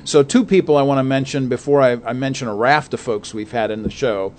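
A man's voice: mid-range voice, fairly quick, darkish tone, a little hiss or hum. A man co-hosting a faith radio show, talking earnestly with many fillers and restarts. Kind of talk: casual radio talk.

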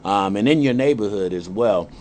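A man hosting a faith radio show, upbeat and animated, handing off to his co-host. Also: on the low side, moderate pace, a little hiss or hum. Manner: upbeat, animated, laughs easily.

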